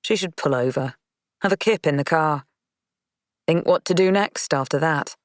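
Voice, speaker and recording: A man narrating a mystery audiobook in a measured, even reading. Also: fairly high pitch, no echo. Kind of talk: scripted narration.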